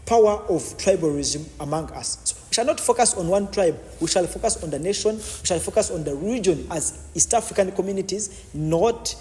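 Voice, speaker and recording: Speaking a little fast with few pauses, a Ugandan man gives long, explanatory answers as a podcast guest, repeating himself and restarting frequently. His voice sits high, animated and a little mellow, and a long reverb tail trails the audio.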